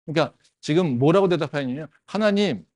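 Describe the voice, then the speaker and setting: A man's voice: medium pitch, fairly quick. A man preaching a sermon as pastor of a campus church, talking animatedly and asking the congregation rhetorical questions. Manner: animated, with rhetorical questions and frequent affirming interjections.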